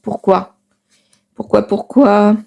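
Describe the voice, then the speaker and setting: A woman's voice: mid-range voice, fairly even intonation, slow, vocal fry, dark tone. A middle-aged woman doing a casual card reading, chatty and thinking aloud with many fillers. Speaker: tarot card reader.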